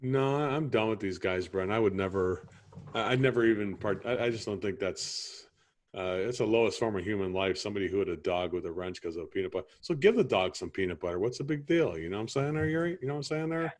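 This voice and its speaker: A man's voice: lowish voice, animated, quick pace. A man playing a homeowner customer in an improvised sales training role-play, rambling and often asking if you see what he's saying.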